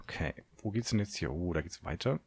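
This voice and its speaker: Jumpy German gamer, gravelly and lively. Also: male voice, low voice, fairly quick, a little hiss or hum. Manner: nervous, swears at monsters, talks to himself. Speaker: gaming video host. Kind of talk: Let's Play commentary.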